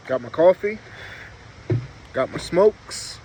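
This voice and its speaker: A slightly high-voiced man chats casually to his viewers over noticeable background noise with vehicle sounds. His speech is a little muffled, as from a lip full of dip, and he tells his stories in a loose, rambling, informal way. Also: animated, slow pace. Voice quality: slightly muffled articulation from a lip packed with chewing tobacco. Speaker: vlogger. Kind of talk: casual storytelling chat to camera.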